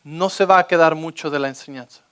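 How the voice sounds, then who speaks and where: A man delivers a sermon from the pulpit, with a notably high voice for a man. He preaches with energy and keeps asking his listeners if they are following him. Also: fast talker, smooth. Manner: energetic, keeps checking in with the audience. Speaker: pastor.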